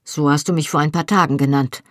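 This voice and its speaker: A reader voicing a proud, gruff husband who speaks curtly. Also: male voice, on the high side, steady tone, fast, fairly bright tone, dry recording, studio quality, close to an everyday voice. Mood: dryly amused. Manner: gruff, curt.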